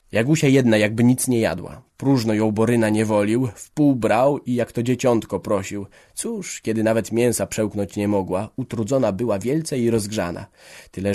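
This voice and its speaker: Steady male audiobook narrator. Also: lowish voice. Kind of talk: classic novel reading.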